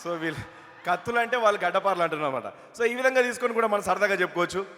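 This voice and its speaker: Fast, bright-voiced stage comedian. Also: male voice, sits high, expressive, a little hiss or hum. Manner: chatty, setting up jokes. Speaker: mimicry comedian. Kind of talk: stand-up comedy at a stage event. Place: stage at a film event. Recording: reverberant hall.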